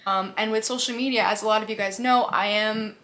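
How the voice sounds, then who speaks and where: Brisk and a bit bright, this mid-range voice keeps a fairly even intonation. It belongs to an American vlogger in her twenties answering questions casually to her camera mic, upbeat, laughing easily and saying "like" often.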